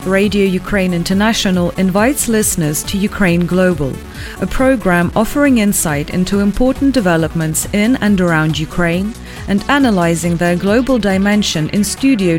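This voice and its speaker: A woman presenting a radio program, reading scripted news narration in a measured, formal way. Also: lowish voice, music in the background.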